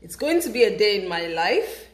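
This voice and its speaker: A chatty Nigerian woman with a mid-range voice talks at a moderate pace, her Nigerian English carrying British influence. She's a vlogger in her indoor home kitchen, speaking casually and animatedly to a camera set close on the counter and gesturing with her hands. The room is echoey, with faint ambience.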